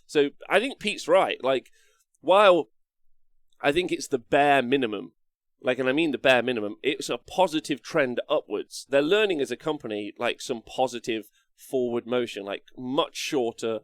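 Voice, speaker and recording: A man with a mid-range voice hosts a casual livestream, recorded very dry. He rambles between reading viewer messages and giving his own takes, slipping into animated mimicry as he tells a story. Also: medium pitch, normal speed, no echo. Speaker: streamer host reading and answering live chat. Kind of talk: casual livestream chat about tabletop wargaming.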